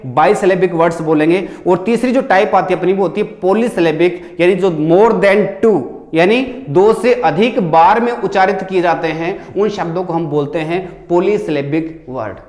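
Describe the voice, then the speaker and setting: High-voiced male teacher in an echoey room. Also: normal speed, hardly any pauses, a little mellow. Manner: asks and answers his own questions. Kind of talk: exam paper solution lecture.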